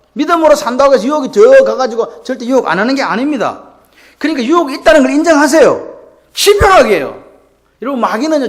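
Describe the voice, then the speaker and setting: High-pitched, animated male pastor preaching. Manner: rhetorical questions and call-and-response to the congregation. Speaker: senior pastor. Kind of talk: Sunday morning sermon.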